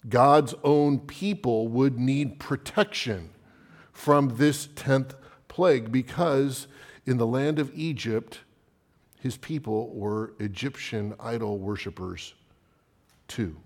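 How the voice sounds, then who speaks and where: A man preaching an evening sermon, swinging from loud emphatic declarations to hushed, low phrases. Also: slow pace.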